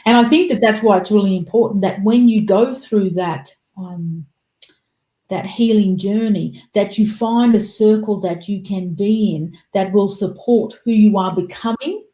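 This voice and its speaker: A woman's voice: medium pitch, a little slow, dark tone, echoey room, rough recording. A woman, chatting casually as a podcast guest and acting out quoted voices.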